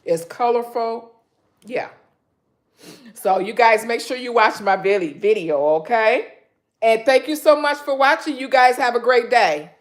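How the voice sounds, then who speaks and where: Speaking directly to her audience through a phone camera, a Michigan woman runs a relaxed live stream in her own kitchen. Her voice is loud and a little high, her pace measured, and her talk wanders along chattily, packed with ums.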